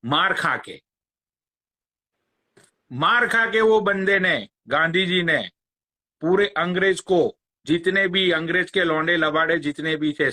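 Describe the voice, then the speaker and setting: A man, ranting on a phone live stream in a slow, crude, mocking way. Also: on the high side, sharp tone. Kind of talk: angry rant on a live stream.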